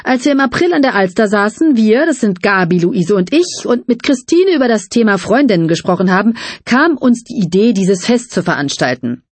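A woman's voice: mid-range voice, very animated, dry recording. Woman reading as Ruth, an eager party organizer. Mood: chatty. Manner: brisk, chatty speech-giver.

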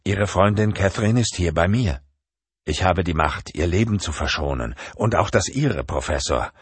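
Cold tattooed kidnapper, read by a male narrator, very low and husky, calm menace in an audiobook. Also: normal speed, dry recording, exaggerated voice.

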